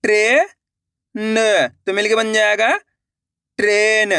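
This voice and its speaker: Bright, high-voiced man teaching reading. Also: dry recording, studio quality. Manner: slow, drawn-out syllables, asks the viewer questions. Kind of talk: video reading lesson.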